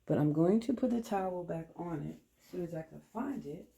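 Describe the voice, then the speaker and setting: Woman, home baking vlogger: low, warm gravelly voice, chatty and homey with viewers from her kitchen. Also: lively intonation, fairly quick. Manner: chatty, talks to viewers while cooking, hums while tasting; talks with mouth full at times. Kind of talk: casual chat while baking.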